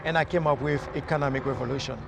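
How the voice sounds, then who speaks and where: A man's voice: mid-range voice, steady tone, quick pace, gravelly, background noise. A man from Haiti, a mayoral candidate, talking earnestly in a casual outdoor interview with many fillers and restarts. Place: outdoors in a city near traffic.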